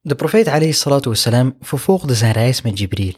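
A man's voice: mid-range voice, lively intonation, fairly quick, darkish tone, husky. A man telling a religious story as a sermon, earnest and reflective, often adding Arabic honorifics. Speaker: Islamic preacher.

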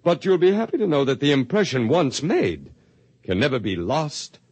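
An actor in a 1950s radio drama playing a smug, condescending bearded scientist with formal, smooth diction. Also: male voice, on the high side, sing-song, moderate pace, darkish tone, no echo, full character voice. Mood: patronizing. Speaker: head of the archive project.

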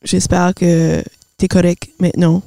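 Québécois woman co-host reacting quickly. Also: on the low side, flat delivery, vocal fry, dark tone, dry recording, clean studio sound. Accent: Québécois French. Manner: quick reactions, English exclamations mixed into French. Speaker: podcast co-host. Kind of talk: casual chat.

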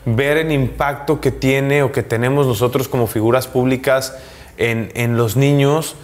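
A man in his thirties with a Mexican accent, speaking candidly as an interview guest, with frequent pauses, fillers and restarts. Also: mid-range voice, steady tone. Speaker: interview guest, professional footballer. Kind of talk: casual conversational interview.

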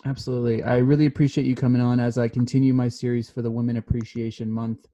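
A man's voice: mid-range voice, level tone, fast talker, dark tone, highs cut off. A man hosting a podcast, talking in a friendly, rambling way as he interviews a guest. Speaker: podcast host. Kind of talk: casual interview chat.

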